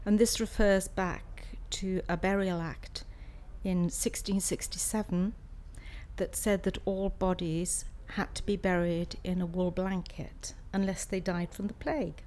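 A woman's voice: fairly low pitch, fairly even intonation, unhurried, a little mellow. A woman, answering interview questions conversationally and somewhat hesitantly. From Swansea, South Wales. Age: 60s. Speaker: interviewee, art student and practising artist.

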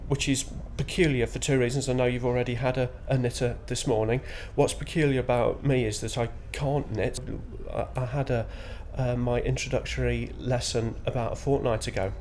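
Halting Shetland man of fifty, noisy background. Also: mid-range voice, darkish tone. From Shetland, Scotland. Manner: hesitant, halting delivery with frequent pauses. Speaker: interviewee. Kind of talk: spontaneous interview answers. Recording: clear background ambient noise.

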